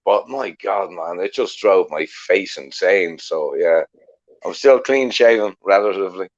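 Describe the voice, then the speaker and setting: A man co-hosting a casual call-in chat, rambling with halting restarts. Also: low-pitched, expressive, no room sound, lo-fi sound. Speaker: podcast co-host.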